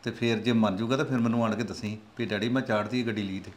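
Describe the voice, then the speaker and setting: A man's voice: on the low side, steady tone, fast, natural voice. A man playing a middle-aged village father who coaxes his son and plots with his wife. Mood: scheming. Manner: coaxing, fatherly. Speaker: actor. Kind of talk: family drama skit.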